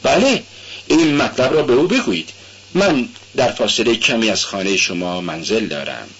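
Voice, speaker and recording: A man reading aloud and voicing a smooth, sinister middle-aged landowner in a raised, bright voice. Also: medium pitch, animated, highs cut off. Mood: insinuating.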